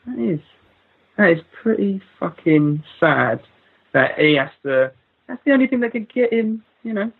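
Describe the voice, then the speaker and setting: A man co-hosting a crude, joking comedy chat, his voice pitched high for a man and husky in texture. He leans on fillers as he riffs, and the recording sounds muffled and lo-fi. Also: big pitch swings, moderate pace. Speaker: podcast co-host. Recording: dull lo-fi recording.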